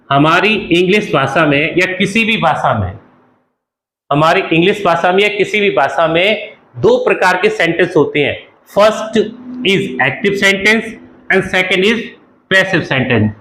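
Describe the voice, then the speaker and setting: A man teaching an English grammar lesson, explaining slowly and repeating points with everyday examples, writing on a board. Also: high voice, a bit bright, echoey room, slight background noise, rough recording. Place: classroom with a board.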